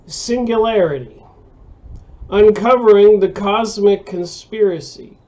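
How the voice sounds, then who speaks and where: An American man in his sixties hosts a book review channel, delivering a casual, rambling monologue packed with fillers and restarts. His voice sits high and sounds mellow, with the highs cut off.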